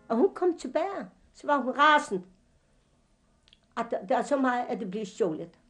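Older woman, halting speech. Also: a little high. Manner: halting, with fillers and slips of grammar. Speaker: witness recounting her past. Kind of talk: personal testimony.

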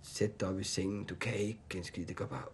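A man telling personal stories in loose, colloquial speech who often drops to a quiet, low voice when recalling pain. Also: steady tone. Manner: loose, colloquial, keeps adding "ikke?" and "mand". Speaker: interviewee. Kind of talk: candid personal storytelling.

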